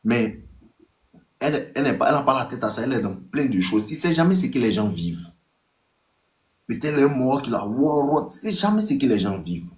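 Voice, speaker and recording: A man with an Ivorian French accent giving casual dating advice on a live stream. He talks straight to his listeners, repeats his points and acts out text exchanges in a higher voice. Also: big pitch swings, fairly quick, a little mellow. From Ivory Coast. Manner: repetitive, addresses listeners directly.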